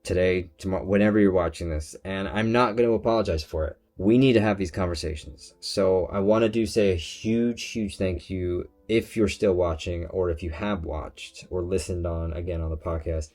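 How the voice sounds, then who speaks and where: A man's voice: sits low, moderate pace, hardly any pauses, darkish tone. A man hosting his own channel, delivering an emphatic, preachy solo commentary full of rhetorical questions. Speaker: channel host.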